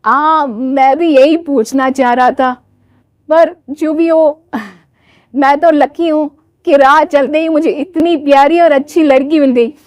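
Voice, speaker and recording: A woman's voice: high voice, fairly even intonation, takes it slowly, a little mellow, no echo. A woman voicing a doting, pleading young husband in a comic story.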